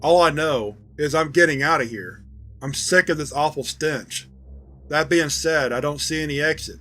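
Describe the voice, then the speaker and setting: A man's voice: a little high, normal speed, bright, forceful tone, faint music behind. A man doing a crude, grumbling agent. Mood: gruff. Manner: coarse, swearing. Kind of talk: dramatized audio log reading.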